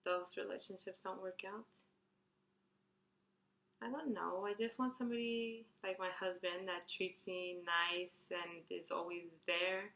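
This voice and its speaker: Young woman, early twenties, vlogger answering a Q&A, bright chatty tone, echoey room. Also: on the low side, steady tone, a little slow, creaky. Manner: chatty, rambling, restarts and fillers, reads questions out brightly. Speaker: beauty vlogger. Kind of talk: casual Q&A tag video.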